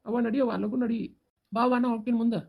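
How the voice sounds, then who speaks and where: A woman's voice: a little high, little pitch movement, breathy edge, phone-quality sound. A woman voicing a worried, reasonable village father with a North Karnataka accent in a cartoon. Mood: placating. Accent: North Karnataka Kannada. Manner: placating, hurried.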